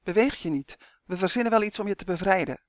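A woman's voice: mid-range voice, expressive, quick pace, no echo, clean studio sound, close to an everyday voice. A woman voicing a kindly, practical baker woman with a reassuring manner, in a storybook reading. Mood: calm.

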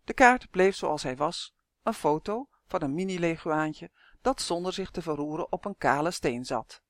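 Storybook narrator, steady clear telling, mid pitch, dry close sound. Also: moderate pace, no room sound. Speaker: audiobook narrator.

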